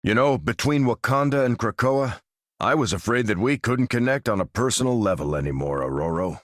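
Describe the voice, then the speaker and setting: A man's voice: medium pitch, animated, brisk, dry recording, studio quality, close to an everyday voice. An American man playing Captain America, a stalwart veteran soldier hero and earnest, commanding leader in a video game. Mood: earnest, measured. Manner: earnest, commanding, military phrasing. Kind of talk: video game character voice lines.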